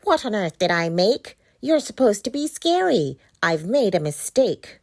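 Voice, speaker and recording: A woman's voice: medium pitch, sing-song, measured pace, vocal fry, dry recording, clean studio sound, pitched above the performer's own voice, exaggerated voice. A woman voicing a cranky, bossy witch in a children's story, speaking in a snappy, scolding way.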